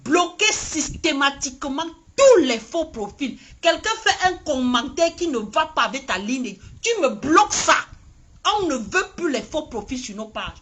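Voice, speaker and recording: A woman's voice: sits high, lively intonation, unhurried, fairly bright tone. A woman hosting a casual political live stream, rallying her viewers and often laughing.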